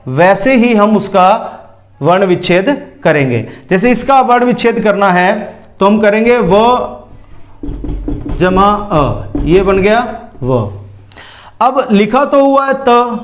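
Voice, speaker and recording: A man with an Indian accent and a rather high voice teaches a grammar lesson. He talks slowly and patiently, breaking each word into its sounds one at a time, like a teacher at a whiteboard. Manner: slow, patient, spells words out piece by piece.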